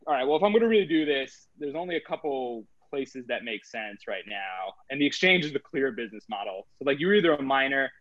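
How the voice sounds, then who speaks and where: A man's voice: mid-range voice, sing-song, a little fast, few pauses, crowd noise. A man talking as an interview guest about his trading career, rambling and filling his sentences with "like". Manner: rambling, heavy use of filler "like". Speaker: guest, crypto trader. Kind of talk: casual interview talk. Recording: dull, slightly lo-fi dry sound.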